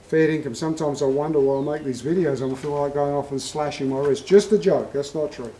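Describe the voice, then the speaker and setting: A man's voice: a little high, steady tone, brisk, warm tone, echoey room, a little hiss or hum, low-quality recording. An Australian man hosting a vlog, telling a story in a folksy, heartfelt way. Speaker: vlog host. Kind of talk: casual storytelling.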